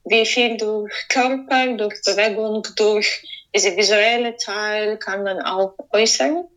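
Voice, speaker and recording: Hesitant slow-talking woman. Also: mid-range voice, steady tone, fairly bright tone, rough recording. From Ukraine. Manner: hesitant, searching for words, many fillers. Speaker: composer. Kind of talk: interview answers.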